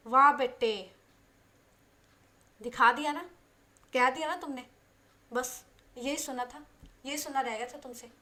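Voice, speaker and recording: A woman voicing a playful, teasing young woman in a told love story, talking in an animated, mock-offended way. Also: high voice, normal speed, close to an everyday voice. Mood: mock hurt.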